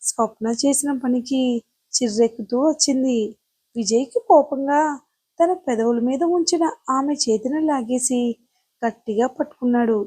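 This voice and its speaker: A woman narrating a romantic novel aloud as an audio story, in a steady, expressive storytelling manner. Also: sits high, normal speed, husky, no room sound.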